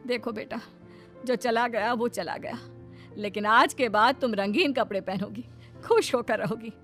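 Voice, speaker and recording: Over background music, a woman voices a middle-aged Indian mother-in-law from a storybook, speaking emphatically and instructively in a motherly, earnest way. Her voice is fairly high, a bit bright and unhurried.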